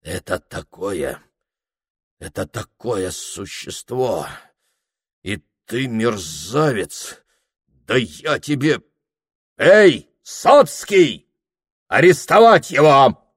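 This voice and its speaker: A man's voice: on the low side, expressive, very slow, pauses often, slightly rough, full character voice. A man reading aloud, voicing a hot-tempered provincial police officer who blusters and barks orders. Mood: blustering.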